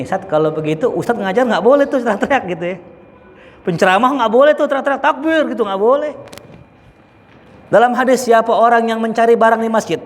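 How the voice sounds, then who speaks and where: A man giving a casual, joking lesson as a preacher in a mosque, acting out examples as he talks. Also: high-pitched. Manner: joking, chatty, acts out examples. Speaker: Islamic preacher. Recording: echoey hall with faint ambience.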